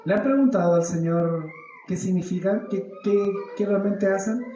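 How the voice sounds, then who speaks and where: A man's voice: sits high, moderate pace, highs cut off, slight background noise. A man, a pastor giving a sermon, telling stories from his own life and asking the congregation questions. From Chile. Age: 30s. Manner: animated storytelling, acts out his own prayers and questions the congregation. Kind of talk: church sermon. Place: church service. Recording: echoey church hall.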